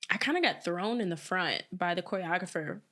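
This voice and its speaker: A woman's voice: lowish voice, a little fast. Chatty young woman telling stories. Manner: chatty, animated, acts out quotes. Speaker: guest, former pro dancer. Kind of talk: casual interview chat.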